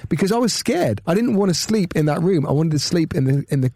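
A man's voice: fairly high pitch, animated, quick pace, dark tone, no room sound, clean studio sound. A British man in his thirties chatting casually and anecdotally as a podcast co-host. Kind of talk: casual chat.

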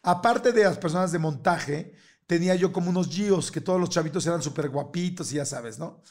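A middle-aged Mexican man telling a casual, lively anecdote, laughing often and acting out the other people's voices. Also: on the high side, brisk. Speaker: guest telling a story.

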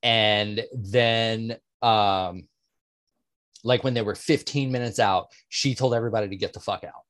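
A man's voice: lowish voice, steady tone, a bit bright, no room sound. A man co-hosting a podcast, telling stories in casual chat with lots of fillers and some swearing. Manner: drawn-out, hesitant with many fillers, swears. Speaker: podcast co-host.

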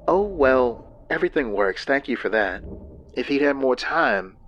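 A man voicing a weary woman who speaks softly and quietly after an ordeal. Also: medium pitch, expressive, measured pace, dull audio, a little hiss or hum, voice pushed up. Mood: tired calm.

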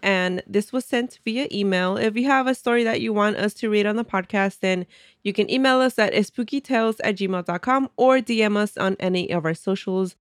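A woman's voice: medium pitch, normal speed, dry recording, studio quality. A woman hosting a podcast who sounds stuffy and nasal from a cold, chatting casually, laughing easily and reading a listener's story aloud. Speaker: podcast host.

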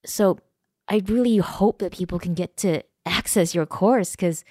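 A woman's voice: on the low side, measured pace, mellow, no room sound, studio quality. A woman podcast host, telling a candid personal story in casual conversation.

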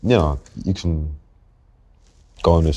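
This guest on a podcast interview is a rapper from London in his 20s whose very deep voice holds level throughout. Thoughtful and hesitant, he loops back to restart sentences as he works through his ideas.

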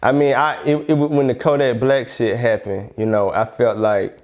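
A man's voice: mid-range voice, flat delivery, normal speed, a little mellow, lo-fi sound. A man from Alabama with a Southern accent, talking casually in an interview in slangy speech full of check-in phrases. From Alabama, United States. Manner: slangy, repeatedly checks "you know what I'm saying". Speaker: rapper being interviewed.

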